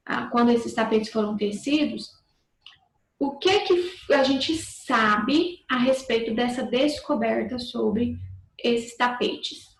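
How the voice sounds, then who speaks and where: Woman, Brazilian Portuguese accent, schoolteacher, higher voice, gravelly, patient step-by-step explaining, echoey room. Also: slow pace. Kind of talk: recorded remote class.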